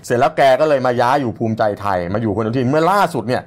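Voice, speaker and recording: A man co-hosting a casual political news talk show, talking in an animated way with frequent restarts. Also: medium pitch. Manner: animated, brisk, many restarts.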